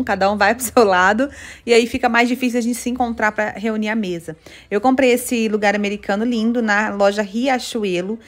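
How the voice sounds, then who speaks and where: Brazilian woman vlogging her kitchen decor, gushy and excited, brazilian accent. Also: medium pitch. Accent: Brazilian Portuguese. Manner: enthusiastic, gushing over decor items. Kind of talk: casual chat. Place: home kitchen, indoors.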